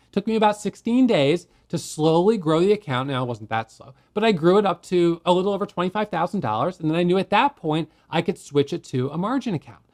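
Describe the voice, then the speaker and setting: A man who teaches day trading, explaining a rule in a plain, conversational way and asking rhetorical questions as he goes. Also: sits high. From United States. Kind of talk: explanatory talk to camera.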